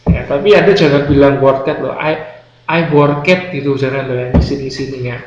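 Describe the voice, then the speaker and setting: Quick and mid-range with a darkish tone, a man from Indonesia lectures his English grammar class, explaining with patience, repeating important words and quizzing the students. Sound comes from a roomy classroom and is dull and lo-fi, with faint noise underneath.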